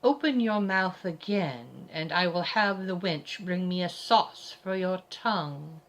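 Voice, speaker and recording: A woman voicing a proud, disdainful noblewoman who speaks slowly and coldly. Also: fairly low pitch, lively intonation, low-quality recording. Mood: threatening.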